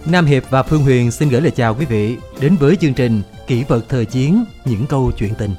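A man's voice: medium pitch, fairly quick, dark tone, natural voice. A man hosting a radio program with formal announcing. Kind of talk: scripted broadcast hosting. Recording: faint music behind.

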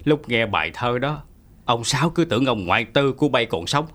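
A man playing an excitable old neighbor who exclaims and repeats himself. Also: medium pitch, brisk, close to an everyday voice. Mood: fussing. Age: older.

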